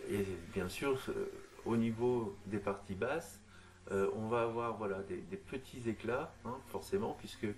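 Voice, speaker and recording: A man talking through a miniature painting tutorial in a casual, halting way, full of fillers and restarts. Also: on the low side, a little mellow, a little hiss or hum. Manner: hesitant, lots of fillers and restarts, addresses viewer informally.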